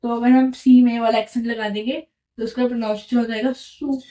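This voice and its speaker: In a rough recording, a woman with a fairly high, mellow voice talks fairly quickly and in a level tone. She's at a whiteboard explaining a French lesson, patient and repetitive, regularly checking in with "right?".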